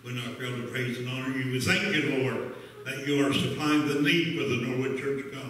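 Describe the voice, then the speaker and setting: A man's voice: mid-range voice, fairly even intonation, normal speed, a bit bright. A man leading a church service, exhorting fervently with frequent hallelujahs and then praying. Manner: fervent, exclamatory, punctuated with hallelujahs. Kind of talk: spontaneous church exhortation and prayer. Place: church sanctuary. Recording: echoey hall, distant mic, congregation. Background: congregation calling out responses.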